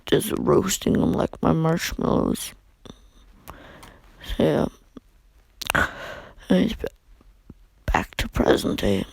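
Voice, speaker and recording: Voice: mid-range voice, big pitch swings, slow, vocal fry, long pauses, slightly rough, dry recording. A fan storyteller improvising a story in a rambling, casual way with many asides. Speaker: fan fiction narrator.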